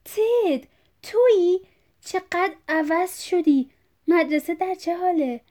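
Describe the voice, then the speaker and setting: A woman's voice: sits high, warm tone, pitched above the performer's own voice, natural voice. A woman reading a story aloud, voicing a confused, bleeding old father who rambles and repeats himself insistently. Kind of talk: audiobook reading.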